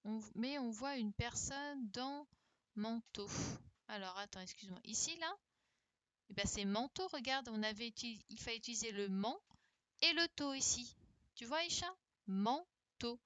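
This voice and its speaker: A woman's voice: fairly high pitch, expressive, moderate pace, pushed and bright, no echo. A woman teaching a young class over a video call, correcting worksheets and coaxing pupils to answer by repeating her questions. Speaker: primary school teacher. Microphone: computer mic on a video call.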